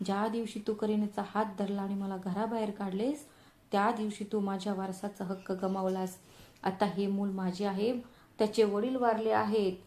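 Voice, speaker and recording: A woman's voice: medium pitch, little pitch movement, moderate pace, darkish tone, lightly acted. A woman voicing a wronged young wife who answers sharply and coldly, in a storybook reading. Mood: bitter. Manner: bitter, cutting. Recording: roomy echo.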